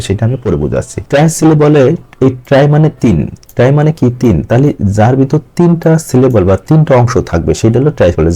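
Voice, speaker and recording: A man teaching an online exam-prep lesson, explaining step by step, repeating key terms and sounding words out slowly syllable by syllable. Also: medium pitch, warm tone.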